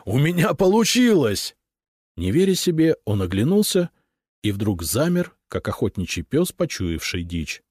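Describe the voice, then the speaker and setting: A man narrating a fantasy audiobook in the first person, with expressive, lively storytelling. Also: fairly low pitch, normal speed, breathy edge, no echo. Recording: dry close studio recording.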